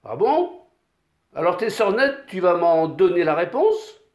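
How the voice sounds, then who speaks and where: A man voicing a rich, greedy old peasant-landowner who bullies and threatens, raised higher and louder than his own voice. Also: very animated, measured pace. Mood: irritated. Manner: gruff, bullying, impatient. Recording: echoey room.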